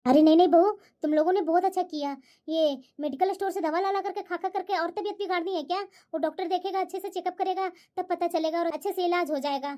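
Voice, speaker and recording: Lady doing a motherly old cartoon mom-in-law, soft and fretful, voice dips lower than the rest. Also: steady tone, fast talker, hardly any pauses. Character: older woman, gentle mother-in-law of the house. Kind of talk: cartoon voice acting.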